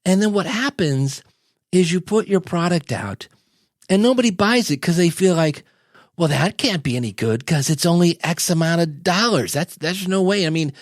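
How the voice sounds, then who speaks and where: An easygoing Jesus as a man puts him on chats like a podcast guest in an English accent. He is casual, mildly sardonic and gently exasperated, in a comedy mock interview with a dry, close sound. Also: high-pitched, lively intonation, moderate pace, no room sound, voice pushed up. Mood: earnest advice.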